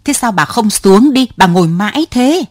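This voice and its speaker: A man's voice: sits high, lively intonation, normal speed, dry recording, studio quality, pitched above the performer's own voice. A woman voicing an elderly male cyclo driver who loses his temper and snaps at a passenger, in a storybook reading. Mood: angry. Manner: exasperated, snapping.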